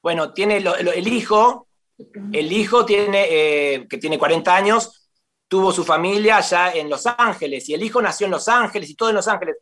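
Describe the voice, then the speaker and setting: A man's voice: high voice, normal speed, fairly bright tone. A man with a Rioplatense Spanish accent chatting as a guest in an interview, effusive, repeating himself and restarting often. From Argentina. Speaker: guest, theater columnist. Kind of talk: casual interview chat.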